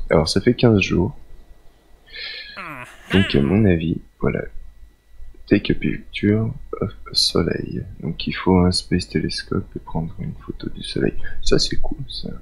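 Male let's-player, very deep gravelly voice, loose unscripted commentary with lively intonation. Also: poor audio. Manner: thinks aloud, reads out mission names, halting with filler sounds. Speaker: gamer playing a space simulation. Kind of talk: casual let's-play commentary.

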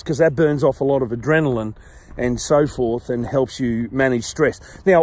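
A man's voice: a little high, darkish tone. A man, a pastor, giving an earnest, encouraging talk outdoors while walking down a mountain, slightly out of breath. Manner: earnest, encouraging, conversational preaching. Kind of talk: casual devotional vlog talk.

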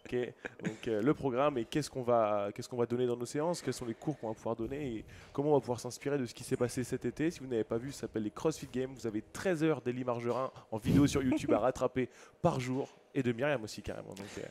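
Fast-talking French co-host. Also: male voice, medium pitch, a little hiss or hum. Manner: relaxed, easygoing, halting. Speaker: podcast co-host, gym coach. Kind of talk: casual podcast chat.

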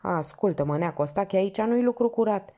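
A woman's voice: medium pitch, expressive, warm tone, voice pushed up, lightly acted. A woman voicing an agitated, insistent young male painter in an audiobook story. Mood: urgent. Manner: urgent, insistent.

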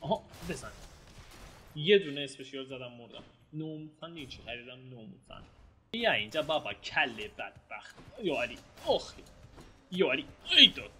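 Excitable young man playing a game. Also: medium pitch, soft background music. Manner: excitable, shouts and groans at the game. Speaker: gameplay streamer. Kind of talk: casual gameplay commentary. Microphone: home mic with some noise.

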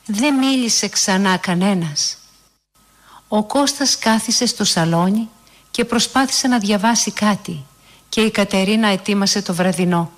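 A woman narrates a family story aloud at a calm, measured pace. Her pitch sits in an ordinary middle range. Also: long reverb tail.

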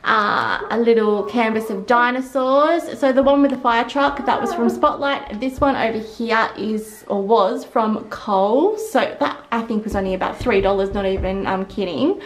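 A woman's voice: fairly high pitch, moderate pace, few pauses, a little hiss or hum. A young Australian woman and mother giving a casual home tour for her family vlog, chatty and friendly with frequent ums and asides, in a child's bedroom.

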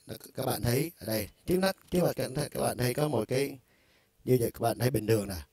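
Speaking quickly and expressively with some vocal fry, this Vietnamese-accented man demos a keyboard's vocal effects for a music store, and it's loose, chatty and full of fillers. His pitch is medium and his tone darkish. The studio-quality sound has no echo.

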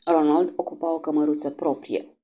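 A woman narrating an audiobook in a steady, measured storytelling manner. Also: deep voice, husky, highs cut off.

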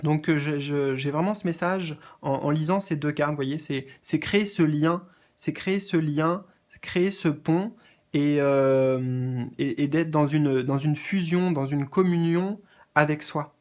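Gentle, hesitant man reading cards. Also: fairly high pitch, unhurried. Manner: hesitant, many fillers and repeated words; gentle, addresses viewers as friends. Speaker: tarot card reader. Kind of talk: spiritual card reading.

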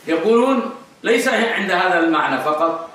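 Scholar lecturing in a mosque, high ringing voice, emphatic repetition, distant mic in a reverberant hall. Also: male voice, animated, fairly quick, a bit bright. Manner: emphatic, repeats key phrases for stress. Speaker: Islamic scholar lecturing on creed. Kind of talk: religious lecture. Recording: echoey hall, voice picked up from afar.

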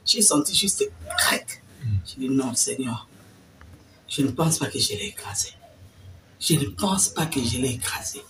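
An older woman telling a personal faith story in an animated way, dropping to whispers and laughing as she talks. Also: rumbling low, normal speed, long pauses, recorded from a distance, background noise. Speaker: testimony speaker.

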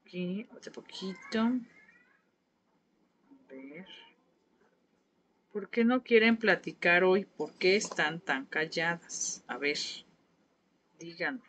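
A woman's voice: lowish voice, expressive, extremely slow, pauses often, fairly bright tone, a little hiss or hum. A woman with a Mexican accent teaching a live painting class, chatting and gossiping with her viewers as she works. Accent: Mexican Spanish. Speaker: craft teacher.

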